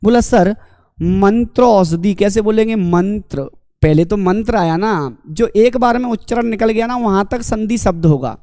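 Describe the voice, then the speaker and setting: A man's voice: high-pitched, normal speed, hardly any pauses, mellow, no room sound, studio quality. A man teaching an online exam-prep lecture, asking the class questions and answering them himself, calling the students his dear companions.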